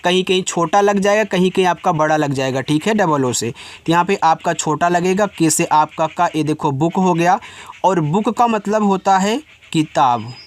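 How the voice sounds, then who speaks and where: A man's voice: high-pitched, normal speed. A man teaching a spoken lesson. He spells out words letter by letter, then asks his students the answer and gives it himself, in an informal way. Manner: informal, addresses students directly. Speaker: English teacher.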